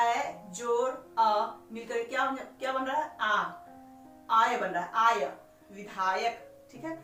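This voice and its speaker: A woman's voice: a little high, fairly bright tone. A woman teaching a grammar lesson step by step, asking herself questions and stretching out sounds as she spells them. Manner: repeats each step with rhetorical questions. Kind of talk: classroom-style explanation. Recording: echoey room, far from mic, faint music.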